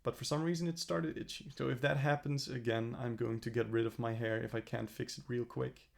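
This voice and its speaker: A young man records a casual personal vlog, speaking earnestly to the camera about his plans. His voice is gravelly with a lot of fry, and he keeps his pitch fairly level. He rambles, restarts and corrects himself as he thinks aloud. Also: steady tone, fairly quick. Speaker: vlogger. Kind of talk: casual self-reflective vlog.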